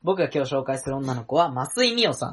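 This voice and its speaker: A young man co-hosting a podcast, bantering casually with quick, teasing retorts. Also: mid-range voice, sing-song, fairly bright tone, slightly rough. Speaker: podcast co-host.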